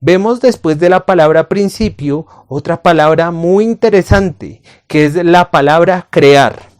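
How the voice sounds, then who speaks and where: A man's voice: on the high side, a little slow, a little mellow. Male Bible teacher, patient and explanatory, talks straight to the listener as a friend. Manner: patient, addresses listener as friend, rhetorical questions. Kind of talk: scripted Bible lesson to camera.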